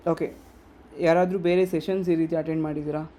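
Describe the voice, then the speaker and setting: A young man with a Kannada accent speaks to a workshop audience, firing rhetorical questions and scolding them. His voice sits a little high but stays soft and mellow. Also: flat delivery, a little fast. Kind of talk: motivational workshop talk.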